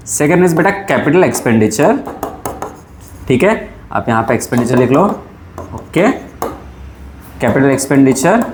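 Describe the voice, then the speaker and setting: A man's voice: a little high, roomy sound, slight background noise. A man teaching a class, coaxing his students and answering his own questions again and again. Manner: calls students "beta". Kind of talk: classroom lecture.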